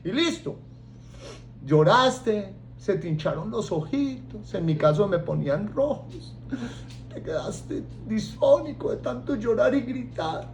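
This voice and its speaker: A man's voice: high voice, measured pace, a little hiss or hum. A man with a Colombian accent preaching a sermon, joking and acting out voices for his congregation. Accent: Colombian Spanish. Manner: animated, acts out voices and jokes with the congregation.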